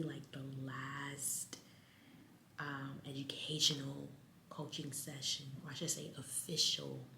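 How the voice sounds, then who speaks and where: A young woman whispering a casual, chatty video diary from a public library. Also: extremely low pitch. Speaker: vlogger. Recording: roomy echo with background noise.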